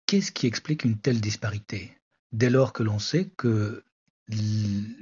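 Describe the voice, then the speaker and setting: Slow husky-voiced male teacher. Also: mid-range voice, darkish tone. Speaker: language teacher. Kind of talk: scripted explanatory narration. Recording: dull lo-fi recording.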